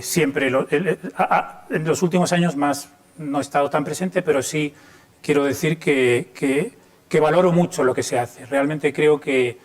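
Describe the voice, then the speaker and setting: Man, 50s, from Chile, lecturer, slightly higher voice, halting, thinks aloud with many fillers. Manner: hesitant, many fillers and restarts. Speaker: lighting designer giving a talk. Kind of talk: informal lecture to students.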